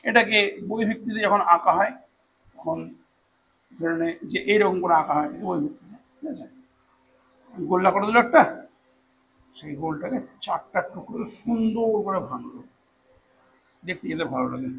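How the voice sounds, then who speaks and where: A man teaching a classroom biology lesson, slowly spelling out long terms and often checking that students follow. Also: high-pitched, lively intonation, fairly bright tone, slight background noise, rough recording. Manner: slow deliberate spelling out of terms, frequent check-ins. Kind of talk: classroom lecture.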